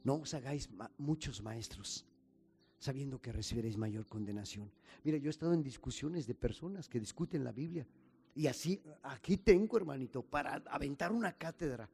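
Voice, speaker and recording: A man's voice: mid-range voice, animated, a little fast, gravelly, husky. A man, a pastor preaching a folksy sermon and praying, often calling listeners "little brother" and restarting his words. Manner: warm, folksy, calls listeners "hermanito", frequent restarts. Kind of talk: sermon and closing prayer.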